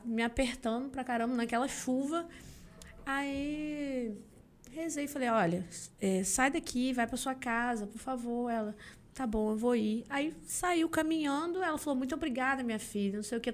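Animated young Brazilian woman storyteller. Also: a little high. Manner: animated, acts out quoted voices. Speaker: podcast guest, singer. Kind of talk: casual storytelling.

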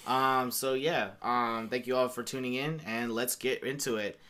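A man's voice: medium pitch, fairly even intonation, moderate pace, bright, forceful tone, clear, resonant tone. Blunt man in his late twenties. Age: 20s. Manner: blunt, critical, hedging with fillers. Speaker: podcast co-host. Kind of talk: casual chat.

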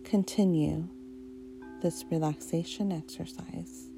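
A woman guiding a relaxation meditation in a soft, soothing, hypnotist-like voice, leaving long pauses between short phrases. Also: on the low side, fairly even intonation, gravelly, over music, rough recording. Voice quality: soft, mellow. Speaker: guided meditation narrator.

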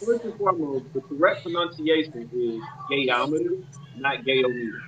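A man on a podcast, laying out his jokes deadpan and point by point. His voice sits a little high. A faint hiss of room noise stays under him. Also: moderate pace, reverberant, far from the mic, lo-fi sound. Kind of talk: casual banter.

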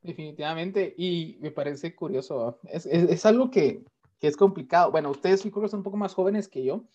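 A man's voice: a little high, brisk, dark tone. Rambling man hosting a chat. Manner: rambling, with many fillers and restarts. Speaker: host. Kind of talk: casual panel chat. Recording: dull lo-fi sound.

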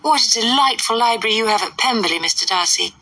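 A snobbish young society lady from a classic storybook, as a woman reader puts her on. She is arch and mocking, pitched high with swooping emphasis, in a sharp, bright voice. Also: lively intonation, fast, slightly rough, no room sound, recorded from a distance, full character voice. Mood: gushing, flattering.

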